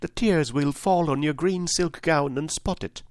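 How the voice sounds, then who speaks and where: A man's voice: on the high side, unhurried, no room sound, studio quality, pitched above the performer's own voice, close to an everyday voice. A man voicing a kind, fussing serving girl in a fairy tale. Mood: concerned.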